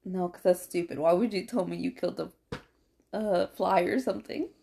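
A woman co-hosting a casual podcast chat with her partner, talking in an animated way and laughing between remarks. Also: lowish voice, normal speed, gravelly, slight background noise. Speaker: podcast co-host.

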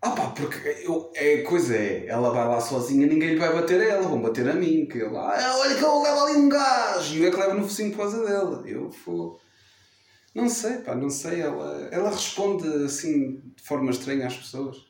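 A man with a European Portuguese accent telling stories in a casual chat, animated and self-mocking. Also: on the high side, brisk, vocal fry. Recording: echoey room.

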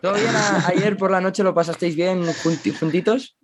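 A man with a high-pitched, husky voice keeps a steady tone at normal speed while hosting a casual podcast over a video call. He greets his co-hosts and teases them in a jokey way.

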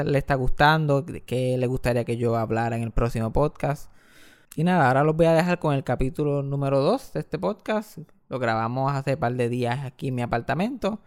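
A young comedian hosts a casual podcast from his apartment, telling stories in a lively way with a medium-pitched voice. He slips English words into his talk.

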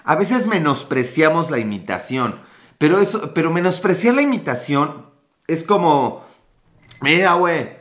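A man's voice: on the high side, big pitch swings, normal speed. A young man with a Mexican accent chatting casually on a livestream, joking with crude slang and answering viewer comments. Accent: Mexican Spanish. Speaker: livestream host.

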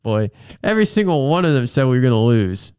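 A man's voice: mid-range voice, big pitch swings, fast, a little mellow, smooth, no echo, studio quality. An American man hosting a casual, joking talk podcast with a froggy, congested voice from a sinus infection, speaking in an emphatic, self-deprecating way. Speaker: podcast host.

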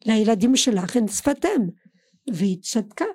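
A woman's voice: on the high side, animated, warm tone. A middle-aged woman whose native language is French, casually recalling family life as a guest in conversation. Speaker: guest, mother of the host.

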